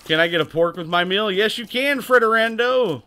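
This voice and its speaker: A man's voice: high voice, expressive, normal speed, bright, forceful tone, clean tone. A man hosting a casual gaming livestream, talking in a rowdy, crude way and thanking viewers by name. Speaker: livestream host.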